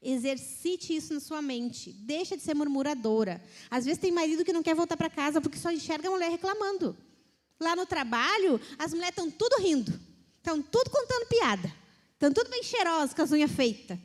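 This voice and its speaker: High-voiced woman preaching in a reverberant hall. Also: a little fast. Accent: Brazilian Portuguese. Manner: lively, mimics complaining voices. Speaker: women's ministry speaker. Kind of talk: casual sermon to a women's group. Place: church hall.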